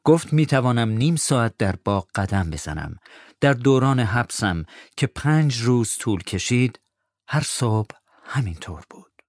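A man narrating a storybook in a calm, measured way. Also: mid-range voice, no echo, clean studio sound. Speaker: audiobook narrator.

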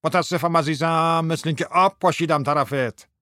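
A man's voice: fairly high pitch, bright, forceful tone, dry recording, studio quality. An actor playing a chatty, self-satisfied middle-aged husband and businessman in a radio drama. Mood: playful.

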